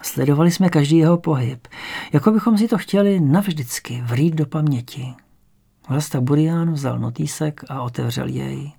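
A man calmly reading a memoir-style story aloud as an audiobook narrator. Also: a little high, vocal fry, slightly rough.

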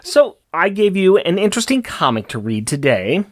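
A man's voice: high-pitched, very animated, moderate pace. A man talks casually as a podcast co-host. He often repeats a phrase to stress it, in an easy conversational register.

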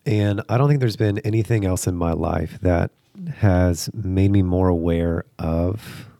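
Low, mellow-voiced man. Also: measured pace, vocal fry, no echo, clean studio sound. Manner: earnest, thoughtful, reasons aloud. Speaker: podcast co-host, father. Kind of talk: reflective faith discussion.

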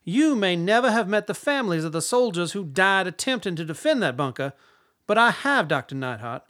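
In a radio drama, a male actor plays a stern, contemptuous older defense secretary, formal, clipped and condescending. His angry, cutting delivery sits high and sing-song, a little fast, pushed and bright, and heavily acted.

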